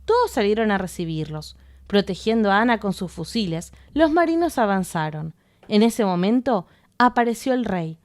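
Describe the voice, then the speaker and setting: Audiobook narrator, woman, calm measured read, mid pitch. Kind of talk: scripted narration.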